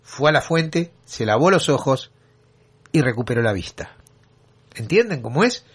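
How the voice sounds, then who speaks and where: A man's voice: mid-range voice, sing-song, moderate pace, slightly rough. A man with a Rioplatense accent, hosting a show and telling a story straight to his listeners, often asking them rhetorical questions. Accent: Rioplatense Spanish. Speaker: show host. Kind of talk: storytelling talk to an audience.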